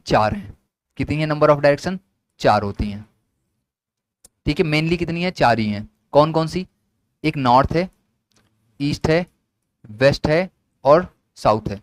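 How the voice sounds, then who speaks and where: Young male teacher, lightly raised pitch, asks then answers the same question, drilling the class. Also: no room sound. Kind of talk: classroom lesson explaining at a whiteboard.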